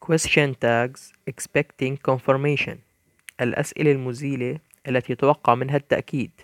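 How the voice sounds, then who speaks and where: A man reads through a vocabulary list at a measured pace, giving each English word and then its meaning, and now and then tripping over a word and restarting. His voice sits in a middle register and is recorded dry and close, with no room sound. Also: mid-range voice, little pitch movement, no echo. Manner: measured, with small stumbles and self-corrections. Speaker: English teacher. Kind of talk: bilingual vocabulary lesson, reading word lists.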